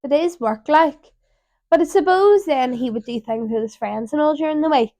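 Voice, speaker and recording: A woman with a bright, high voice, co-hosting an easy conversation. She chimes in often and teases her friend. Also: dry recording. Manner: quick to agree and tease. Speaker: podcast co-host. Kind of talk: casual chat.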